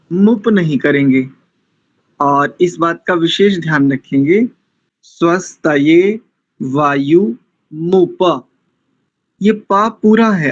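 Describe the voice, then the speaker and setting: A man teaching a mantra recitation class, chanting and breaking words down syllable by syllable with deliberate care. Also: on the high side, muffled recording. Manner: slow, deliberate, syllable-by-syllable drilling.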